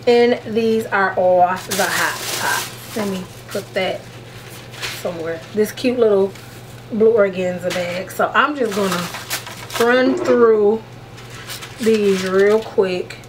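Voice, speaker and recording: A woman's voice: mid-range voice, takes it slowly, background noise. A woman beauty vlogger chatting casually through a makeup unboxing, frank and slangy, calling her viewers "honey".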